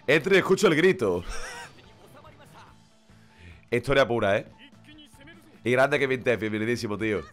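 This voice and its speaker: Man, sick with a cold, live game commentary, lively up-and-down delivery, mid pitch. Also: normal speed, pauses often, faint music behind. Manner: excitable, swears constantly, shouts at the game. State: sick with a runny nose. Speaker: streamer. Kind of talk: live gaming stream commentary.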